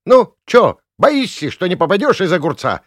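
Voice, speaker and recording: Brief: male reader as shrill, coarse, bossy village woman, yelling high. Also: big pitch swings, moderate pace, dry recording, clean studio sound. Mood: yelling, mocking. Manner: shrieking, abusive, coarse peasant speech. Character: shrill loud bossy village woman, middle-aged, huge hands. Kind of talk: audiobook character voice.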